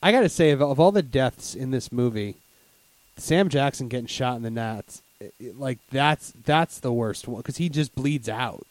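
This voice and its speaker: Animated man joking through a film review. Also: medium pitch, moderate pace, no echo. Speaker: podcast co-host. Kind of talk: casual movie review chat.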